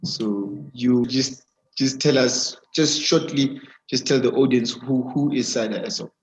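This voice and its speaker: A man hosting a live webinar interview over an online video call with a weak connection, talking haltingly with many fillers and restarts. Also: medium pitch, steady tone, slight background noise. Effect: heard over an online video call with a weak connection. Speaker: webinar host. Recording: dull, muffled video call audio.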